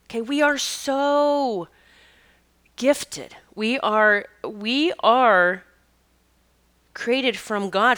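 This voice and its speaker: Bright, crisp-voiced woman telling a story. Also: a little high. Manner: emotional, earnest, with frequent restarts and laughs. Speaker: podcast host. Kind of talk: personal storytelling monologue.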